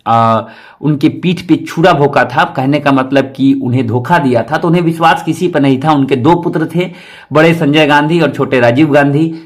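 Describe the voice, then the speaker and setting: A man giving an exam-prep history lecture, explaining each point twice and asking rhetorical questions. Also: on the high side. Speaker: history teacher.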